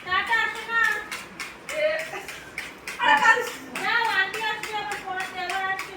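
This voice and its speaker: High-pitched woman off-mic bossing folks around, roomy and noisy. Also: steady tone, a little fast, recorded from a distance. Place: home indoors. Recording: echoey room, off-mic, with noise.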